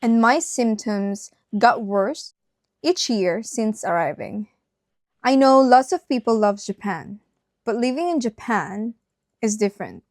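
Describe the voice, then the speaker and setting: A woman's voice: on the high side, expressive, a little slow, darkish tone, no room sound, clean studio sound. A woman vlogger narrating a personal story directly to her viewers.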